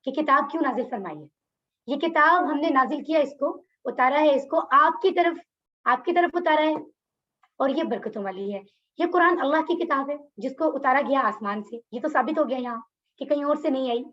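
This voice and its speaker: A woman's voice: sits high, lo-fi sound. A woman teaching an online religious class in Urdu-accented speech. She explains words one by one, repeats their meanings and puts questions to her students. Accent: Pakistani Urdu. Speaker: Quran course teacher. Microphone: video call.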